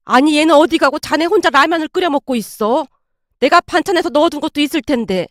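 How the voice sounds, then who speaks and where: A woman's voice: high-pitched, fast, no room sound, clean studio sound, natural voice. A woman voicing an older mother-in-law who scolds her daughter sharply. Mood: puzzled.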